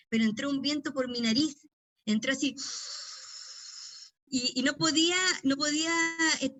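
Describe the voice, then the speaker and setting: A woman's voice: high voice, fairly bright tone, no room sound. A middle-aged woman pastor with a Chilean accent, teaching a deliverance session in a conversational storytelling way with frequent tag questions.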